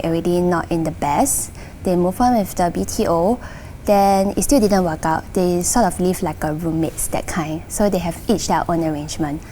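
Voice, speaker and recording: A woman's voice: lowish voice, dark tone, a little hiss or hum. A woman with a Singaporean accent talking casually and earnestly on a panel, explaining things at length. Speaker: guest sharing personal experience.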